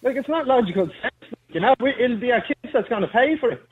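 Male caller, high voice, rapid and defiant, heard over a buzzy phone line that keeps cutting out. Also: animated, breathy edge, no echo. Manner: defiant, argumentative, talks over the host. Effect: buzzy phone line that keeps breaking up. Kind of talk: radio phone-in call. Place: on a building site. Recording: tinny glitchy phone line.

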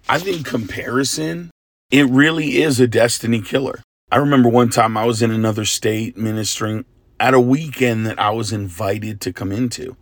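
A man preaching informally in a somewhat low voice that sounds exhausted from use. He talks earnestly and conversationally, checking in with listeners as he goes. The sound is dry and close, with little room on it. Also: dry recording. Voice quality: tired, worn voice from much preaching. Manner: conversational, earnest, often asking "right?" and "you know". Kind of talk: casual devotional talk.

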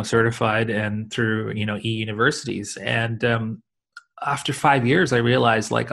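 A man's voice: lowish voice, creaky, fairly bright tone. A man from Tanzania talking about his career as an interview guest, reflective and full of fillers and restarts. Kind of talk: casual interview talk.

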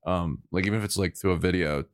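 A man with a fairly low voice hosts a relaxed conversation and thinks out loud. He rambles, restarts and corrects himself, speaking frankly. The sound is dry and close. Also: fast talker, no room sound. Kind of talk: casual chat.

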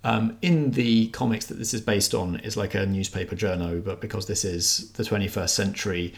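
A podcast co-host with a lowish voice keeps a steady tone and moderate pace. Reviewing a film casually, he sounds hesitant, circling around and correcting his phrasing.

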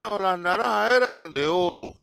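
A man's voice: high-pitched, measured pace, gravelly, slight background noise. A man hosting a show, telling a folk tale with a moral and acting out the characters' voices. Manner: animated, acts out the characters' voices. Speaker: radio show host.

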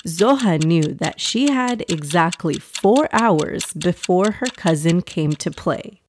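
A woman hosting and narrating for children in an expressive fireside storytelling style, speaking straight to young listeners. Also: fairly low pitch, slow, slight background noise.

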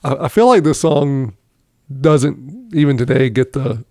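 A man with a gravelly, creaky voice trades easygoing, wry remarks as a podcast co-host. His pitch sits in the middle range. The recording is dry, with no room echo. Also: animated, measured pace, darkish tone. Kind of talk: casual music chat.

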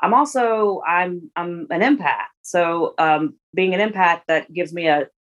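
A woman's voice: on the low side, measured pace, muffled recording. A woman in her forties, a guest in a casual interview, talking in a rambling way with many restarts and fillers. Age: 40s.

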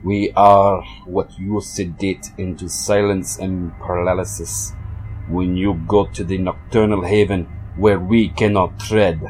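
A calm, menacing male subject speaks in a deep, slow Russian accent, as a man reads him out. Each line comes unhurried and ominous, with faint music underneath. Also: poor audio. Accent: put-on Russian.

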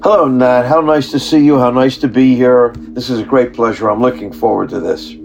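A man's voice: medium pitch, fairly quick, creaky, darkish tone, dull audio, soft background music. A man speaking as a guest scientist in casual interview conversation over a video call, gracious and upbeat.

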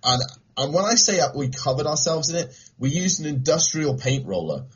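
A man's voice: on the high side, normal speed, slightly rough, lo-fi sound. A young English man telling stories in a casual podcast chat, laughing often. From England. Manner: animated, laughing storyteller. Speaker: podcast guest, gaming video creator.

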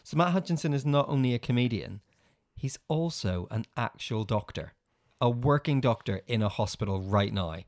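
A man's voice: mid-range voice, lively intonation, normal speed, a little mellow. A man co-hosting a family podcast, cheerfully reading out listener messages and jokes. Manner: upbeat, reads out listener messages. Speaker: podcast co-host.

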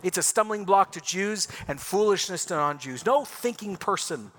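A man with a high voice preaches an Easter sermon. He grew up in Ecuador and speaks in an emphatic, rhetorical style. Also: lively intonation, normal speed. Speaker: pastor.

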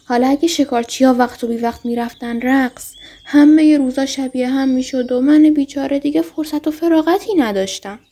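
A woman voicing a wistful, gentle fox who longs for friendship, in a storybook reading. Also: high-pitched. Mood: longing. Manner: gentle, heartfelt, pleading.

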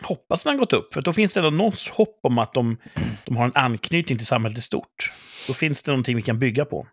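A male podcast host with a husky, gravelly voice. He jokes in a dry, deadpan way. The sound is close and dry. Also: medium pitch, no echo. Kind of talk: casual podcast chat.

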